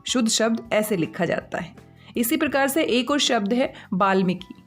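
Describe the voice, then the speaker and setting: Female teacher, slightly high pitch, patient step-by-step explainer, faint music bed. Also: expressive, moderate pace. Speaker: Hindi teacher. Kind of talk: spelling lesson.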